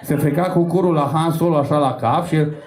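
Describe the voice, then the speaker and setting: A man's voice: a little high, darkish tone, roomy sound. A man from Romania doing a stand-up set, telling crude, rambling and profane stories on a comedy club stage.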